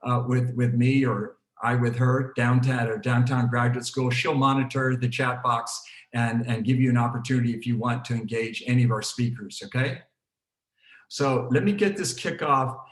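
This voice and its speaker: A man, a program director, hosts an online student panel in a relaxed way, with many fillers and restarts. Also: medium pitch, normal speed. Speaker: program director hosting a webinar. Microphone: video call. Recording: roomy, echoey video call.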